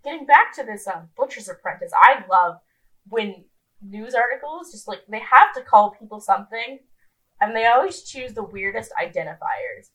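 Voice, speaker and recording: A woman's voice: a little high, expressive, moderate pace, fairly bright tone, rough recording. A woman in her twenties co-hosting a podcast in casual chat, rambling with lots of ums and restarts. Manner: rambling, self-deprecating, many ums and restarts. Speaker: podcast co-host.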